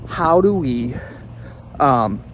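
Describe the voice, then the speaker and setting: A man's voice: mid-range voice, animated, very slow, noisy background. A man giving a casual, rambling monologue about his wellness idea, checking in with "right?" after nearly every point. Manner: rambling, says "right?" constantly. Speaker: wellness content creator.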